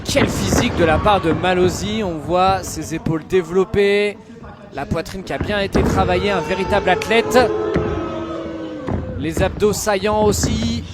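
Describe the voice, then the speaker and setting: An excitable, opinionated man doing live wrestling commentary, full of exclamations. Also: high voice, normal speed, over loud music. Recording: loud crowd and venue noise. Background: noisy live wrestling crowd.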